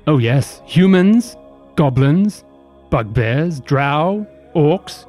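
An imperious dwarf overseer, voiced by a male game master for a tabletop game. He is deliberate, formal and suavely menacing, in a fairly high, mellow voice. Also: lively intonation, exaggerated voice. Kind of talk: tabletop role-play. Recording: music behind the voice.

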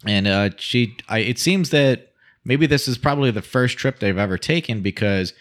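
A man's voice: medium pitch, lively intonation, normal speed, fairly bright tone. A man co-hosting a casual podcast chat, speaking hesitantly with many "uh" fillers. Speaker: podcast co-host.

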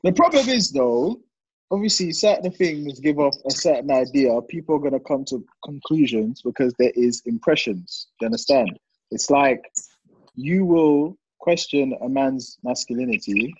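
A young man with a London roadman accent and a husky voice, bantering bluntly in street slang and repeating himself for emphasis. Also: mid-range voice, lively intonation, moderate pace, a little mellow, dry recording, muffled recording. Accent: London, urban street slang. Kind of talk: casual group banter.

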